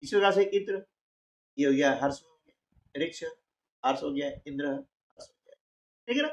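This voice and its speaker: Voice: mid-range voice, big pitch swings, reverberant. A teacher talking through a workbook lesson one step at a time, asking questions and answering them, and often checking in with short tags. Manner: slow, explains step by step, asks and answers its own questions; often adds "है ना" and "ठीक है". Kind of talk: classroom lesson walkthrough.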